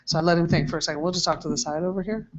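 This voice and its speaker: A woman's voice: lowish voice, fairly even intonation, very fast. A woman teacher questioning a student in front of a group, teasing yet encouraging, with frequent fillers. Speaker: camp teacher. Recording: dull lo-fi recording.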